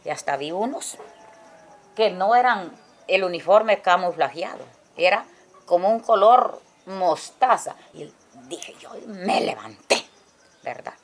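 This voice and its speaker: An older woman giving testimony in a halting way, often checking in with her listener. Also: lowish voice, lively intonation. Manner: halting, tagging lines with "¿verdad?". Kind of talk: spoken testimony in a documentary. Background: music.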